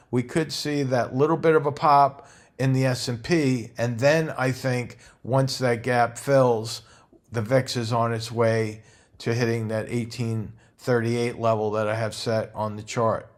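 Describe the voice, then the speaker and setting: Male market host talking viewers through charts, steady and teacherly, leaning on the key numbers. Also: medium pitch. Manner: measured, instructive, emphatic on key levels. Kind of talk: stock market commentary over charts.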